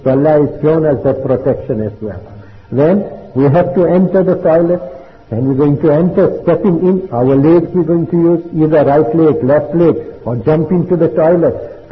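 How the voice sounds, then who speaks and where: A man delivers an earnest sermon, his voice sitting a little high. The sound is thin and phone-like, and a long hall reverb trails behind each phrase. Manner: earnest preaching mixing English with Urdu and Arabic terms. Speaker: Islamic preacher. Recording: echoey hall on a tinny line.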